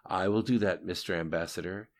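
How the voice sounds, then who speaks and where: A man's voice: deep voice, steady tone, fairly quick, natural voice. A man voicing a young female office receptionist who answers in polite, scripted phrases.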